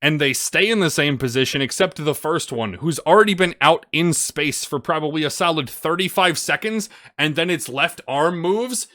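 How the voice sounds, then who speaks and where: A man co-hosting a podcast, ranting loudly and swearing in a heated casual review. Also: fairly high pitch, lively intonation, normal speed, few pauses, dry recording, clean studio sound. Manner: loud, ranting, swearing, exasperated. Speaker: podcast co-host.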